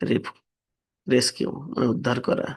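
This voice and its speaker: A man teaching English vocabulary, steadily reading verb forms and their meanings. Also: moderate pace. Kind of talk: vocabulary lesson, reading word lists with translations.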